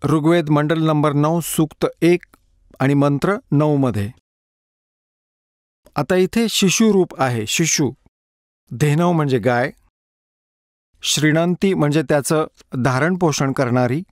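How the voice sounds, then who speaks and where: Man preaching with a fairly high voice. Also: dry recording, clean studio sound. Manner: explains verse by verse, repeats key words slowly. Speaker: preacher giving a dubbed sermon. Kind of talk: sermon reading scripture.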